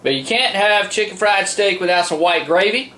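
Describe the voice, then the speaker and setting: A man's voice: high voice, animated, moderate pace, pushed and bright. A man giving a casual, folksy, plain-spoken cooking demonstration as a home cook. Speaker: home cook presenting a recipe. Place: indoor kitchen with a running fan. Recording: roomy, noisy fan hum, distant mic. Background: fan noise.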